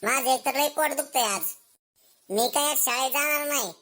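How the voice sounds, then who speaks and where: Sex: woman. Figure: a woman voicing a lazy schoolboy who talks back. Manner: whiny and sly, high and piercing. Style: comedy sketch. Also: moderate pace, fairly bright tone. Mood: whining. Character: lazy cheeky schoolboy, fakes illness. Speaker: main character.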